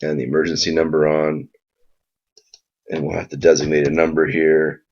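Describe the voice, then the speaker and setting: A man with a husky, very low voice gives an informal software tutorial, talking through the screen step by step at a normal speed with little pitch movement. The audio comes across dull and lo-fi.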